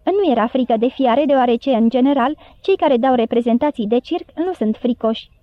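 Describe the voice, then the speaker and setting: High-voiced woman narrating an audiobook. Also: no echo. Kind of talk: storybook narration. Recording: dry, phone-like narrow sound.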